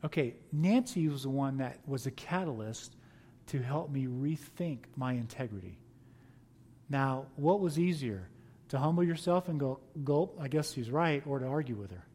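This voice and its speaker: A man's voice: medium pitch, expressive, normal speed, dark tone, a little hiss or hum. A middle-aged man, a pastor and seminary teacher, telling personal stories in an easygoing, anecdotal way during an interview. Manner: folksy anecdotal storytelling with laughs. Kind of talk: storytelling interview answer.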